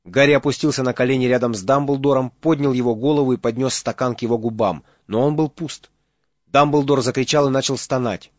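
A man reading an audiobook as narrator, in steady dramatic storytelling. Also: mid-range voice, fairly quick, no echo, lo-fi sound. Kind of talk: scripted narration.

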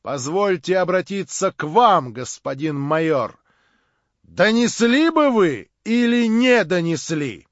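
A man's voice: on the high side, big pitch swings, a little slow, dry recording, lo-fi sound, heavily acted. A man reading an audiobook, voicing an insistent young schemer who presses others with raised questions.

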